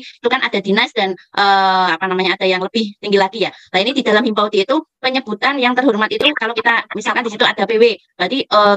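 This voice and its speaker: A woman asks a long question over a video call. She talks very fast in a bright, forceful voice and is polite, often stopping to search for the right word. Her sound is dry and close to the mic. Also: mid-range voice, dry recording. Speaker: local association chair asking a question. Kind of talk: online Q&A question.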